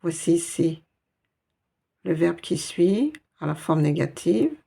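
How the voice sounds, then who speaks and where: A woman's voice: fairly low pitch, expressive, takes it slowly, vocal fry, warm tone, husky. A woman teaching a step-by-step Arabic reading lesson in French, patient and explaining each letter and sound.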